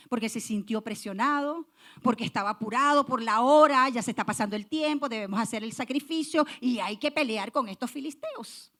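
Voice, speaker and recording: Female pastor, emphatic sermon delivery, higher voice, repeats and stresses phrases, addresses the congregation. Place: church.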